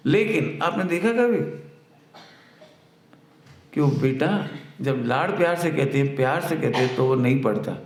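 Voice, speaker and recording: A man's voice: a little high, creaky. Man giving a talk in an echoey hall. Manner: explains with everyday examples, repeats key lines; acts out a mother's scolding in a raised voice. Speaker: spiritual teacher. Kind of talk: devotional discourse. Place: spiritual retreat centre hall.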